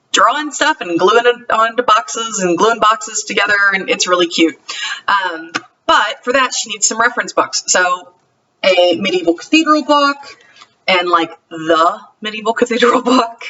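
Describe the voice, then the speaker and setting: Bright and forceful at medium pitch, this woman is a homeschooling parent vlogger doing a homemade show-and-tell. She rambles conversationally, fixing her words as she talks, and the recording is dull lo-fi from a distant mic with faint noise.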